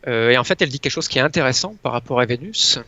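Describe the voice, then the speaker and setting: A man presenting as an astrologer guest in casual talk, hesitant and often pausing to search for his words. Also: mid-range voice, expressive, sharp tone, dry recording. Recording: dull lo-fi sound.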